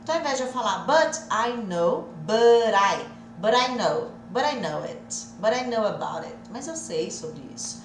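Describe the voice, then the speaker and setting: A Brazilian woman teaching a live English lesson, drilling phrases over and over in a lively, repetitive way. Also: a little high, moderate pace, roomy sound, a little hiss or hum. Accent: Brazilian Portuguese.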